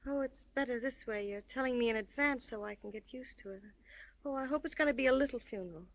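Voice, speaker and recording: A woman's voice: sits high, quick pace, creaky, low-quality recording. An American actress playing a melodramatic, guilt-ridden young woman in plaintive, theatrical 1930s screwball comedy film banter. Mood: subdued, touched.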